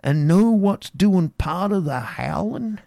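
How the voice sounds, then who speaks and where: A man's voice: high voice, lively intonation, slow, creaky, warm tone, dry recording, studio quality, exaggerated voice. A man reading aloud, voicing a terrified, rambling old man who rants in a rustic dialect. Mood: taunting. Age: older. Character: wild-eyed terrified old male drunkard. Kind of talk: dramatic reading.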